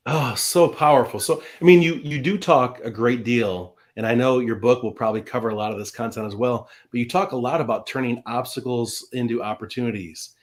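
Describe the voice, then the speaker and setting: A man hosting an interview, with a voice in the middle range. He affirms his guest warmly in words and asks slightly rambling, loosely built questions. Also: mid-range voice, a little fast, few pauses. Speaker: podcast host. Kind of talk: interview conversation.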